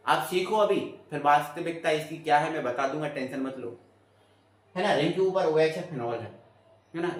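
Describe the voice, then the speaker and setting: A man teaching a chemistry lesson, who keeps coaxing students by repeating his questions. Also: on the high side. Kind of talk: classroom lecture. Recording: very echoey room, mic at a distance.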